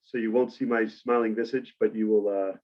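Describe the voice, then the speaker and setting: A man with a Boston accent presenting on a webinar, measured and explanatory, with frequent uhs. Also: lowish voice, fairly even intonation, dull audio. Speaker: industry presenter. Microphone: video call mic.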